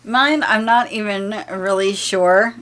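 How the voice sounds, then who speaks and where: A woman's voice: medium pitch, slow pace, fairly bright tone. A woman vlogger in casual, playful chat who often breaks into giggles while reading out survey questions.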